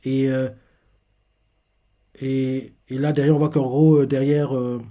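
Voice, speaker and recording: A man streaming live, recapping a manga chapter in a casual, halting way, full of fillers and restarts. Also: mid-range voice, flat delivery, dark tone. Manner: hesitant, many fillers and restarts, repeats himself while explaining.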